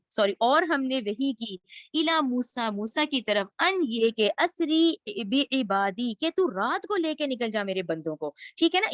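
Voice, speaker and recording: A woman teaching a Quran lesson, reciting each Arabic phrase slowly and then explaining it in casual spoken Urdu. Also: a little high, no room sound, muffled recording. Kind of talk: word-by-word Quran translation lesson.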